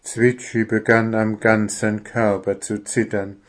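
A man narrating a children's storybook in a calm, gentle reading voice. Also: on the low side, slow.

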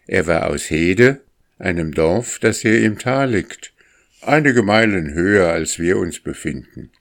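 A man calmly narrating a storybook as an audiobook. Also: low voice, vocal fry. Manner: calm, unhurried storytelling.

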